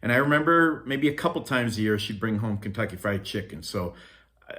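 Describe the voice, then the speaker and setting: Fairly low-pitched and sharp in tone, a middle-aged Norwegian man speaks animatedly and a little fast. In his casual storytelling vlog he recounts childhood memories into a phone on a selfie stick, rambling with many ums and restarts.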